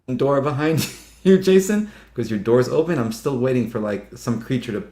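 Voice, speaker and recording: A man chatting casually, spinning animated anecdotes and slipping into the voices of the people in them. He laughs often as he talks. His voice carries a roomy echo. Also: medium pitch, normal speed. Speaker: actor guest. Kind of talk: casual storytelling chat.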